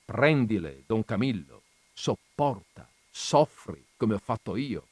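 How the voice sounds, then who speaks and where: A stern, patient Christ figure, voiced by a male reader in a storybook audiobook, admonishing in a raised, emphatic voice. The pitch swings widely and the delivery is dry and close. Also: expressive, slow, husky, no room sound, heavily acted. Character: Christ on the crucifix, stern yet patient, scolding. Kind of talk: dramatized audiobook reading.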